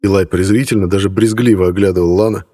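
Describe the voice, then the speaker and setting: A man narrating a science fiction audiobook in a dry, even storytelling manner. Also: low-pitched, fast talker. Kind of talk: scripted narration. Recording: long hall reverb.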